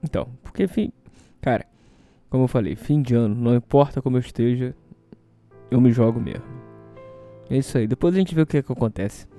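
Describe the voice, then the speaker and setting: Brazilian male host, hungover, mid-pitched and very dark-toned, hesitant rambling monologue, music behind. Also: a little fast, pauses often. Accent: Brazilian Portuguese. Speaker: solo show host.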